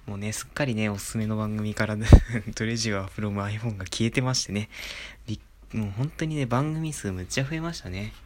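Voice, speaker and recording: A young man with a lowish voice keeps his volume down as he chats on his own show from home. He talks in a loose, easygoing way, full of fillers and soft chuckles. A faint hum sits behind him on the phone recording. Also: fairly quick. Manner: hushed, low-volume talk with soft laughs and filler. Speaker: podcast host. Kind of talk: casual solo talk. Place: inside his home, alone. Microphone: phone microphone.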